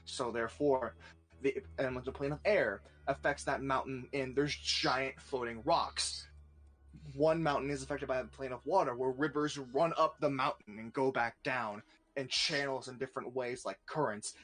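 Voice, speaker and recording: A man narrating a tabletop game as game master in a lively, swearing storytelling manner. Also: medium pitch, normal speed, soft background music. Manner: animated, swearing, laughing storyteller.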